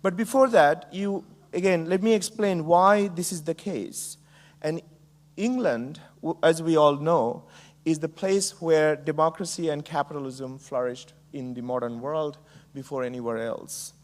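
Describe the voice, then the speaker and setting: The keynote at this conference comes from a middle-aged man from Bangladesh whose Bangladeshi accent is clear. He speaks in a measured manner, peppered with ums and uhs, in a slightly high voice.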